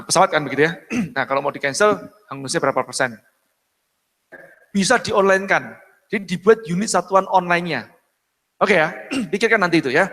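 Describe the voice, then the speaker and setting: A man giving a business seminar in a casual, chatty way, often checking in with his audience and clearing his throat. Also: on the high side, a bit bright, in a large hall. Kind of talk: live business seminar talk.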